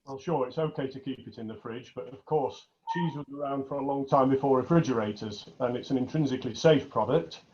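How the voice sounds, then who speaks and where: A man's voice: mid-range voice, brisk, hardly any pauses, darkish tone, lo-fi sound, slight background noise. A man judging cheese, chatty and knowledgeable, with a joke now and then, in a casual tasting commentary. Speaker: cheese judge.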